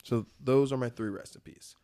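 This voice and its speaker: A man's voice: medium pitch, moderate pace, dark tone. A young man from the American South hosting a casual solo podcast, talking about food with enthusiastic, rambling energy and casual swearing. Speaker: podcast host.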